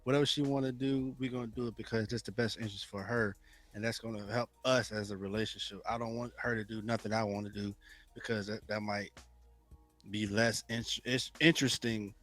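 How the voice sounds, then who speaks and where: A man's voice: lowish voice, fairly even intonation, a little fast, a bit bright, soft background music. A young man co-hosting a podcast, talking bluntly and with profanity in a laid-back way. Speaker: podcast co-host. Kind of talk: casual podcast chat.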